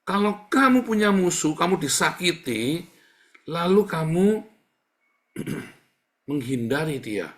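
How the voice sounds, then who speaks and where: A male pastor preaching a sermon emphatic repetition, his delivery swinging from quiet to loud. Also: on the high side, expressive, slow, long pauses.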